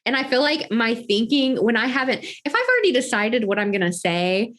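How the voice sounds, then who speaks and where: A woman's voice: on the high side, very animated, a little fast, a bit bright. A young adult woman co-hosting a podcast, chatting casually, laughing often and thinking aloud with lots of fillers. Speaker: podcast co-host. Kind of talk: casual chat.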